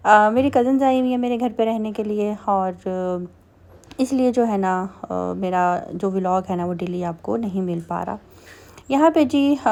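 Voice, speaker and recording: A woman with a Pakistani Urdu accent narrates her day in a chatty, casual vlog voice-over, her medium-pitched voice darkish in tone. Her storytelling is loose and packed with fillers.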